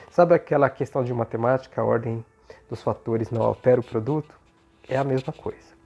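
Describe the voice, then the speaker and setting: A Brazilian speaker leading an unhurried religious talk in short, gently explanatory phrases, with a voice slightly off from recovering from flu. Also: medium pitch. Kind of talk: prayer and informal religious talk with scripture reading. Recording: dull, lo-fi sound.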